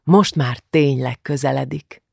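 A man voicing a big, good-natured father who gently teases his daughter in a storybook. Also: mid-range voice, steady tone, creaky, breathy edge, no echo, studio quality. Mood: gentle. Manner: gentle, unhurried.

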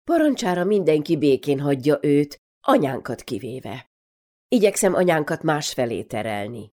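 A woman reading a first-person story aloud as narrator, with a wry, deadpan telling. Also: low-pitched.

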